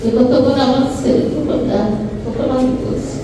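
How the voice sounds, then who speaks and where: A middle-aged woman with a Bangladeshi accent gives personal testimony in a fairly high voice. She sounds far from the microphone in a very echoey hall, with clear background noise. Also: steady tone, moderate pace. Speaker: bereaved mother giving testimony.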